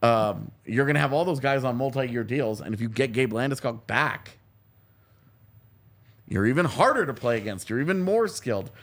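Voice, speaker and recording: A man's voice: medium pitch, expressive, normal speed. A man talking as a sports podcast analyst, reasoning casually and repeating phrases for emphasis as he builds a point.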